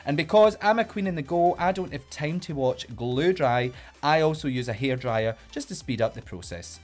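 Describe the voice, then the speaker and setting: A drag queen from Glasgow, Scotland, hosts a makeup tutorial with a Glaswegian accent, giving step-by-step instructions in an upbeat, playful way. His voice is a little high and animated at normal speed, with faint music behind.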